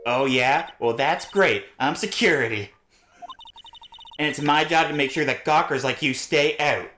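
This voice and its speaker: A man's voice: a little high, unhurried, sharp tone, a little hiss or hum. A man reading as a grumpy old lady guard. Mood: scolding. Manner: grumbling, scolding. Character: gruff older female studio security guard. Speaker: streamer reading game dialogue. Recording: roomy echoey stream audio.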